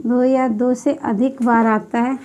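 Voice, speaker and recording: A young woman teaching an exam-prep Hindi grammar lesson, repeating each phrase slowly as if dictating while she writes. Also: fairly high pitch, fairly even intonation, warm tone, a little hiss or hum.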